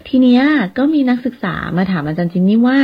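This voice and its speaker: A woman's voice: fairly high pitch, animated, quick pace, highs cut off. A woman with a Thai accent, hosting a radio English lesson, politely spelling out words letter by letter. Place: radio studio.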